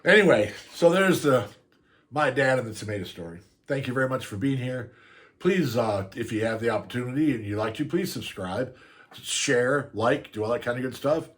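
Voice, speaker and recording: A man's voice: mid-range voice, expressive, normal speed. An older man telling a story on his channel in a casual, rambling way, often laughing as he goes. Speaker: vlogger.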